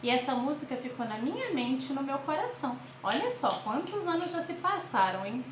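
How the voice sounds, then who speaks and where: A high-pitched woman with a Brazilian accent addresses young children as a teacher and host. She keeps her explanations simple and direct. The recording has a clearly echoing room and a little background noise. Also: very animated, normal speed. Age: late 30s to 40s. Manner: simple explanations with frequent check-in questions. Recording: roomy echo, faint background noise.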